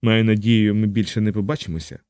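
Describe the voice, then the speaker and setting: Narrator voicing a tense grown man, low quiet clipped lines, dark tone. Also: little pitch movement, fast talker, smooth, dry recording, clean studio sound, natural voice.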